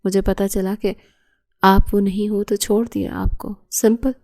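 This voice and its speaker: A woman voicing a proud young wife weighed down by guilt, in a low-key emotional reading. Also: flat delivery, mellow, close to an everyday voice. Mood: defiant.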